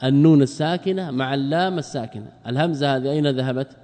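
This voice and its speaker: A man's voice: mid-range voice, quick pace, warm tone. A male grammar teacher giving a classroom lecture, explaining a text line by line, repeating words and asking and answering his own questions. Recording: long reverb, hall echo.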